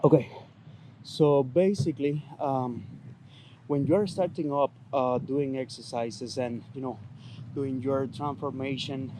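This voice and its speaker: A man giving fitness advice in a casual outdoor vlog, a bit out of breath, talking chattily with many fillers and restarts. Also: mid-range voice. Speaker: fitness vlogger. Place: outdoors, windy, by traffic. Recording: outdoor wind and traffic noise.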